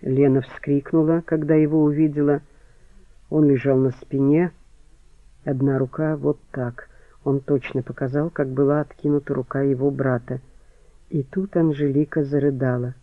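A man reading an audiobook in scripted narration, with an even, measured delivery. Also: mid-range voice, no room sound. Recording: phone-like, dry.

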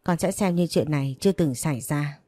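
A woman's voice: low-pitched, a little fast, mellow, dry recording. A woman voicing a brash young female servant in a read-aloud story, whiny and insolent. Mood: threatening.

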